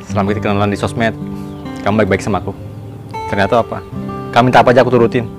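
A man playing a deceived young lover who speaks softly and apologizes. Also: lowish voice, fairly even intonation, very fast, music in the background, close to an everyday voice. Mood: hurt. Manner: soft, apologetic and hurt. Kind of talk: amateur village drama acting.

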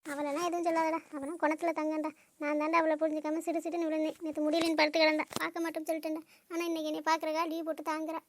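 A fretful, ailing old mother-in-law, as a woman voices her in a home-made cartoon, squeaky and very high. She talks quickly and on one flat, pleading note. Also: slight background noise, close to an everyday voice. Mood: tearful. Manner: plaintive, pleading tone.

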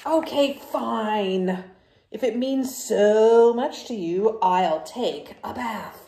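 A woman's voice: fairly high pitch, drawn-out words, gravelly, mellow, echoey room, voice pushed up, full character voice. A woman voicing a stubborn, dramatic storybook pigeon who argues like a child, exclaiming every point emphatically. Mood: grudging.

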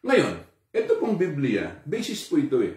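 A man giving a sermon in a relaxed, conversational way, mixing Tagalog and English with frequent fillers. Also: a little high, moderate pace. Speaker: preacher. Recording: echoey room, from far off.

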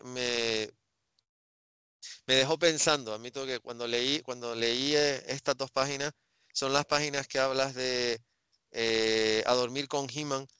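A middle-aged man from Spain with a bright, crisp voice, speaking over a headset on a video call. He picks his way through his thoughts with restarts and small hesitations. The sound is dry and close. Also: mid-range voice, no echo. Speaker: interviewer. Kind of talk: casual video-call interview. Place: home room with bookshelves.

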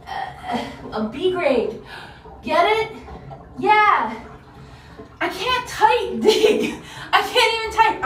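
Woman streamer, giggly, rambling, slow talk, far from mic in a bathroom. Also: sits high, fairly bright tone. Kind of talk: casual live-stream chat. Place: bathroom, in a bubble-bath tub. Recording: echoey bathroom, voice away from the mic.

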